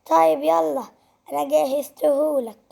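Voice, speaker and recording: A kind mother in a Roblox game story, speaking gently and affectionately in Egyptian Arabic, voiced by a woman. Her high voice has a touch of gravel. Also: steady tone, moderate pace. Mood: gentle. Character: kind caring mother making breakfast.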